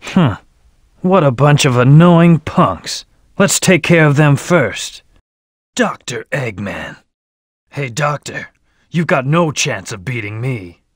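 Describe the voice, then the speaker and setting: An actor playing a brooding, cocky hedgehog antihero in a video game, speaking in a terse, stern, commanding manner. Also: male voice, mid-range voice, expressive, slow pace, breathy edge, no room sound, studio quality. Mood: scornful, confident. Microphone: close, dry studio recording.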